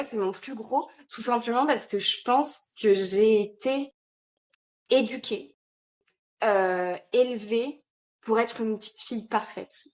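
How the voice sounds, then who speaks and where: A woman in a casual podcast conversation, talking about her work in a lively, chatty way with frequent fillers and laughs. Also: medium pitch. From France. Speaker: founder of an entrepreneur retreat, podcast guest.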